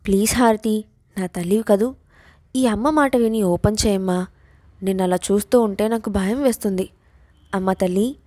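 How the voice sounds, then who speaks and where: A woman's voice: a little high, a little fast, pauses often, mellow, dry recording, natural voice. A woman voicing a pleading anxious mother. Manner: anxious, begging. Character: worried pleading middle-aged mother.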